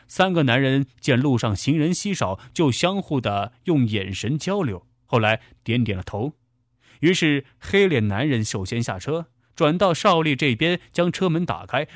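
A male storyteller narrating a dramatic tale with a vivid delivery. His pitch moves in a lively way, and the recording is close and dry. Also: dry recording.

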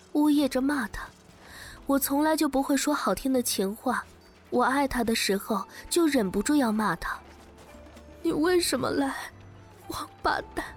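A woman with a fairly high voice reads a story in the first person, emotional and moving, her quoted lines rising into tearful cries. Faint music plays behind her. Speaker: audiobook narrator. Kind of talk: scripted first-person narration.

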